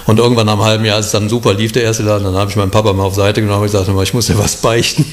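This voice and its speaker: A man's voice: fairly low pitch, flat delivery, rapid-fire, a little hiss or hum. A middle-aged man from Cologne telling his life story in an interview, rambling with many fillers and restarts. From Cologne, Germany. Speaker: guest, bar owner and musician.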